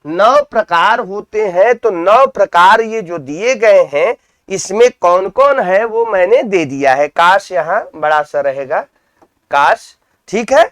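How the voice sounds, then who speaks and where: A man's voice: high voice, expressive, slow, a bit bright, no echo. A man teaching an exam-prep grammar lesson, repeating key terms and asking his students questions that he answers himself.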